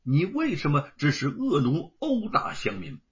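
A man voicing a cool-headed young male scholar who speaks coldly and calmly. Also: a little high. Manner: cold, calm, measured. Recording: dull lo-fi recording.

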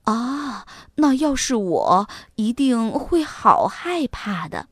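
A gentle mother fox who frets and encourages in turn, as a woman plays her. Her speech is slow and melodic, with a wide sweep of pitch. The recording is close and dry. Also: sing-song, no room sound, heavily acted. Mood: caring. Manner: soft, fretful, encouraging. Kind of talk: children's storybook reading.

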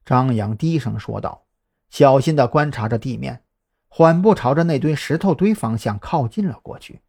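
A man narrating a serialized suspense novel. His voice is husky, and his pitch swings widely as he builds suspense. He tells the story expressively, scene by scene. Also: animated, normal speed, darkish tone. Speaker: audiobook narrator.

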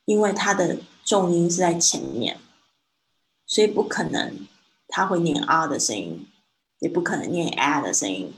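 A Mandarin-speaking woman teaching English pronunciation one-on-one, patiently correcting and modelling words slowly. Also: lowish voice, very animated, rough recording.

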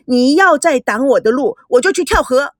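A woman voicing a distraught young woman who pleads and shouts through tears. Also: high voice, animated, moderate pace, no room sound, studio quality. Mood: furious. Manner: urgent, pleading then shouting.

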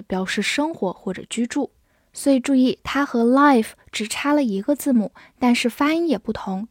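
Woman teaching English vocabulary, slightly high voice. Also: darkish tone, no echo, clean studio sound. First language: Chinese. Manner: spells words letter by letter and reads example sentences slowly. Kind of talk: scripted vocabulary lesson.

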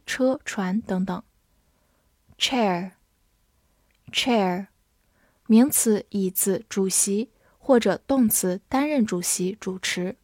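A woman reading an English vocabulary review. She says each word twice in a deliberate way, then gives its part of speech and meanings. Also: medium pitch, dark tone, no room sound, clean studio sound.

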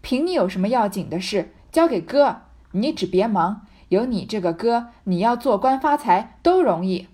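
A woman voicing a drunk, fawning, boorish young man who coaxes loudly. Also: medium pitch, expressive, normal speed, lightly acted. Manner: loud wheedling coaxing.

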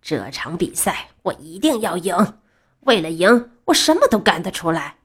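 A woman's voice: lowish voice, very animated, normal speed, breathy edge, voice pushed down. A woman voicing a scheming, boastful male rival race car in a storybook. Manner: boastful, sly.

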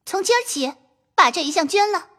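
A woman's voice: extremely high pitch, animated, brisk, a bit bright. A woman voicing a proud, shrewd young noblewoman who mocks the servants coldly and gives firm orders in an audio drama. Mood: commanding. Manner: cold, mocking, commanding.

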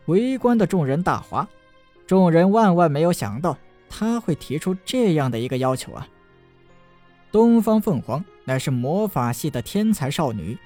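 Guy reading a fantasy audiobook, bit higher voice, faint music in the back. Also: warm tone, no echo, studio quality. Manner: storytelling, drawn-out sentence-final particles. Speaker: audiobook narrator. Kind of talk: scripted fantasy novel narration. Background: faint background music.

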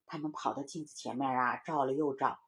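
A woman storyteller reading a bedtime story to children, with a soft, coaxing manner. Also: rumbling low, steady tone, a little fast. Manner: soft, coaxing, talks to children as little darlings.

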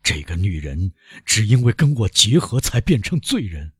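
A man's voice: low voice, very animated, measured pace, fairly bright tone, slightly rough, no echo, studio quality, exaggerated voice. A man voicing a frantic guilt-torn prosecutor. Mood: frantic anguish. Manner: frantic, self-accusing outbursts. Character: anguished middle-aged male prosecutor, guilt-ridden. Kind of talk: audiobook character voice.

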